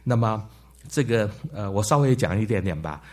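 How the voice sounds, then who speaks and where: Brief: male Bible teacher, somewhat low and husky, lecturing a class with many questions. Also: animated, moderate pace, a little mellow. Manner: frequent "ha" tag words and questions to the class.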